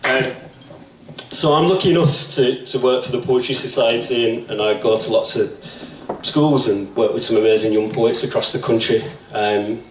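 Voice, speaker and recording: A man performs spoken-word poetry in a small bar, swapping loose, sweary banter for measured reading. The sound is roomy and a little distant, as if caught from a mic set back from him. His pitch sits in an ordinary middle range. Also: slight background noise. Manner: casual, swearing, self-deprecating banter. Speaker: poet and teacher. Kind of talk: live spoken-word poetry with chatty intros. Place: small bar and cafe with a live audience.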